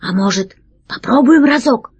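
A woman's voice: lively intonation, moderate pace, a little mellow, breathy edge, muffled recording. A woman voicing a jolly, greedy and cowardly male space pirate in a storybook reading, with a pleading, whiny delivery. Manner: pleading, higher and whinier than the narration.

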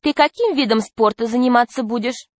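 A woman's voice: a little high, brisk, no echo, pitched above the performer's own voice, natural voice. A woman reading a storybook, voicing a bossy, earnest schoolgirl class monitor who lectures her classmates. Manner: lecturing, stern.

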